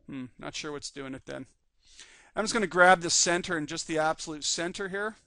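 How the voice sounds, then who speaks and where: A man teaching a live 3D rigging class, calmly narrating each step on screen while his voice is slightly worn. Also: a little high, brisk, creaky, no echo. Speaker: 3D rigging instructor. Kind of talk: live screen-recorded software tutorial.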